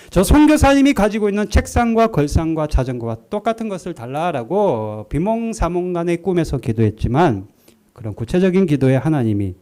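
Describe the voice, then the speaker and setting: Animated male preacher with a mellow voice. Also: on the high side. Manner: animated storytelling, acts out quotes. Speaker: pastor. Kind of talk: sermon.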